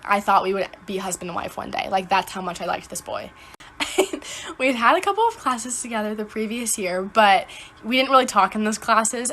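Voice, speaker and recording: A woman's voice: medium pitch, a bit bright, a little hiss or hum. Giggly young woman telling a storytime. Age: young adult. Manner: giggly, chatty, frequent laughter. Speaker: TikTok storyteller. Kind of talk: casual storytime vlog.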